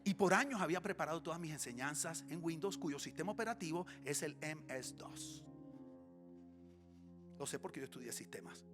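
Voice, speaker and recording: A male pastor delivering a sermon before a congregation. He tells stories with comic flair and sometimes drops into a whisper. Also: a little high. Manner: animated, comic storytelling with dips into whispers. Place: church stage before a congregation.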